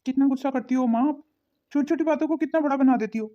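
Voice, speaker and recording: A woman voicing a calm adult son in a cartoon, gentle and reasoning. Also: high voice, fast, lo-fi sound, lightly acted. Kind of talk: cartoon voice acting.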